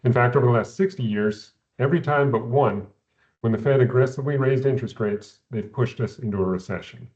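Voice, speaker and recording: A man, an investment adviser, explaining economics in a measured way, often repeating words at the start of phrases, heard over a video call. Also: medium pitch, a little mellow, muffled recording. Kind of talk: explaining economics in a recorded company Q&A.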